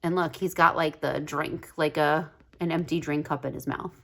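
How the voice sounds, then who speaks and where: A woman casually flipping through a tarot deck on her channel, gushing and chatty, full of "like" fillers, with soft asides that drop to a whisper. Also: low-pitched, fairly even intonation, normal speed, vocal fry. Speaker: tarot video creator.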